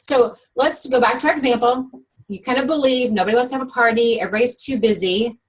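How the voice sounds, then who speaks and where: A woman's voice: a little high, quick pace, low-quality recording. A woman leads a team training talk in an upbeat coaching manner, often putting questions to her listeners. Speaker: sales team director.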